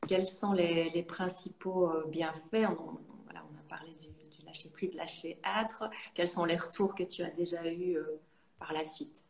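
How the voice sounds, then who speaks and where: A woman with a lower voice hosts a relaxed, friendly interview, asking questions and adding her own stories. Her voice has an echoey, roomy ring. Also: moderate pace. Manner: friendly, relaxed, affirming murmurs. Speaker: host, interviewer. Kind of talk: casual interview chat.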